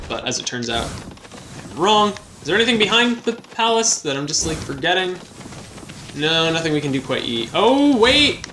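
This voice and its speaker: Over game music and slight background noise, a young man narrates his video game run in a medium-pitched, bright, forceful voice. This let's play host keeps things casual and chatty, pokes fun at himself, and exclaims with bounce.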